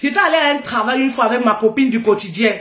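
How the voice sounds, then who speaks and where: A high-pitched woman speaks loudly in a casual motivational talk, laughing freely and hammering her points home by repeating them. The sound is roomy and echoing. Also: fast talker. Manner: loud, laughs often, repeats phrases for emphasis.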